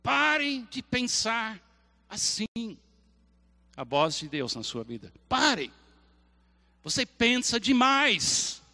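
Casting: a commanding voice of God from heaven, put on by a man preaching, high and bright, with a long hall echo. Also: very animated, drawn-out words, creaky, pauses often, full character voice. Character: booming stern male voice of God.

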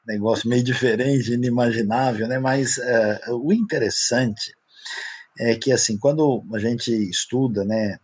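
A man's voice: medium pitch, unhurried, darkish tone, slightly rough. A man with a Brazilian Portuguese accent, a pastor on a discussion panel, explaining ideas in a thoughtful, lecturing way and often tagging phrases with "né".

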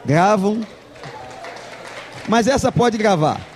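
A man's voice: high-pitched, lively intonation, slow pace, big-room sound, some chatter behind, a little hiss or hum. A male pastor preaching a sermon, telling a humorous story and acting out the dialogue of its people.

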